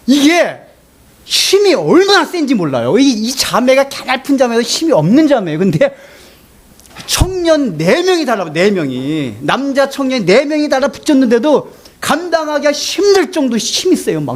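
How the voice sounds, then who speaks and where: A man preaching a sermon as a pastor, telling a story in an animated way and often laughing. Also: very high-pitched, slightly rough.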